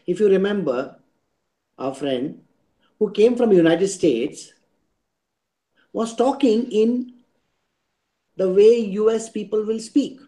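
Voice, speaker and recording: Higher-voiced Indian man giving a mellow discourse. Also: slow, long pauses, poor audio. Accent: Indian English. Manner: didactic, with rhetorical questions and check-ins. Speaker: spiritual teacher. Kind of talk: spiritual discourse with everyday examples.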